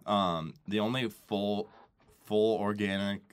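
A man co-hosting a casual chat, blunt and teasing, reacting quickly to the others. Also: on the low side, fairly even intonation, smooth. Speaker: podcast co-host.

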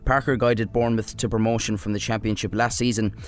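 A man reading a sports bulletin in a flat, even way. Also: fairly low pitch, fast talker. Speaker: sports newsreader.

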